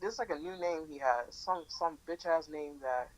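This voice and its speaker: A man's voice: a little high, moderate pace, rough recording. A twenty-one-year-old man chatting casually as a guest, rambling and restarting his sentences often. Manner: rambling with many restarts and fillers. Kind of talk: casual podcast chat.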